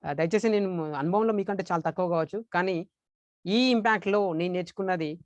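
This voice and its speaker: Fast-talking male speaking coach. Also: high voice, no echo, highs cut off. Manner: emphatic, repeats key points, mixes English terms. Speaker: motivational speaker and trainer. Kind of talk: training lecture on public speaking.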